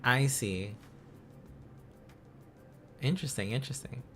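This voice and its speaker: While learning Korean script on a livestream, a male host chats casually in an excited, meandering, giggly way. His mid-range voice is sharp in tone and takes things slowly, and soft music plays in the background.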